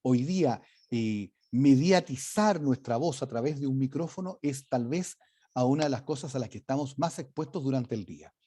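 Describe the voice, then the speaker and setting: A man teaches a leadership course in an online lecture, speaking emphatically with varied intonation. His mid-range voice is warm and animated, at a moderate pace.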